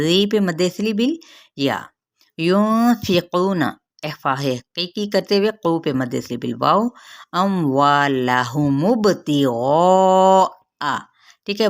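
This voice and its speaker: A woman with a Pakistani Urdu accent teaching tajweed, drawing out each word of recitation slowly and then explaining the rule. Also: low-pitched. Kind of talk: tajweed lesson.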